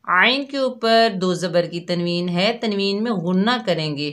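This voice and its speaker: Lowish-voiced woman, recitation teacher, unhurried drill of each syllable. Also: fairly bright tone. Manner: patient, spells out each syllable and repeats it. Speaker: Quran tajweed teacher. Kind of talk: slow step-by-step recitation lesson.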